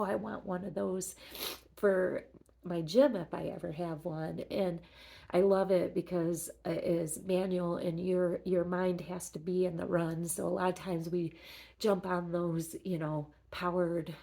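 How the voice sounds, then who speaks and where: A middle-aged woman talking casually in a personal vlog update, halting and reflective, sounding emotional as after crying. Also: lowish voice, creaky, warm tone. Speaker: fitness vlogger.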